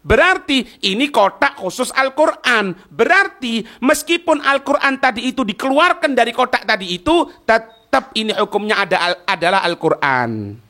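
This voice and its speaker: An Islamic teacher from East Java, Indonesia, leads a religious study class, reading an Arabic text and explaining it line by line. His East Javanese-accented voice is high and sharp, very animated at a moderate pace, and he teaches didactically through questions and answers, posing rhetorical questions and checking understanding.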